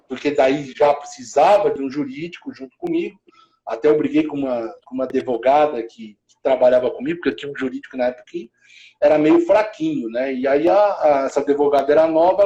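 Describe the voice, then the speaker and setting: A man's voice: fairly high pitch, dark tone, echoey room, lo-fi sound. A middle-aged man, a building manager, telling his career story in a casual interview, rambling with many restarts. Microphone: video call.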